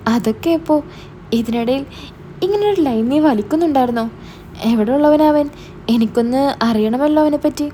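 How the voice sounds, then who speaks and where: A stern older brother, read by a woman in her own voice, presses hard with suspicious questions. The tone is mellow and dark rather than bright, sitting slightly high, with a faint hiss behind it. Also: normal speed, pauses often, natural voice. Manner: stern, interrogating.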